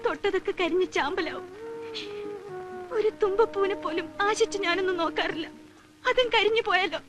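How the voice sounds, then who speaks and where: A woman's voice: very high voice, brisk, music in the background. An actress playing a young noblewoman who speaks with resigned, despairing sorrow. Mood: sorrowful. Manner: despairing, pleading. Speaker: film character. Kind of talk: 1990s film acting.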